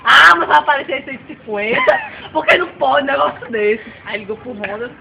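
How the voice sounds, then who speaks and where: A woman telling a personal anecdote in a lively, dramatic, playful way, in a dull, noisy recording. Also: high voice, brisk, creaky. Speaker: storyteller.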